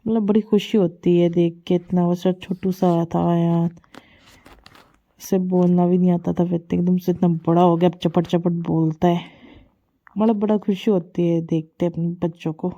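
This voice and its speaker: A woman's voice: fairly low pitch, little pitch movement, moderate pace, dark tone, highs cut off. A woman vlogger and mother chatting doting, rambling voice-over narration about her children's antics. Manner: chatty, doting, repeats herself as she narrates family clips. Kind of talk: casual vlog voice-over narration.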